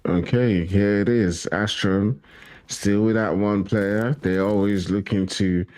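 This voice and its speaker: A man's voice: on the low side, slow pace. A man giving casual esports color commentary, often repeating phrases. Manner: relaxed, repeats himself with fillers. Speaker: esports co-caster.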